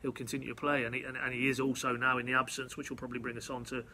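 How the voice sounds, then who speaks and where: Bright, flat-toned male football correspondent. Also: mid-range voice, rapid-fire, slight background noise. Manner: analytical, stumbles and repeats words. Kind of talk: casual football podcast chat.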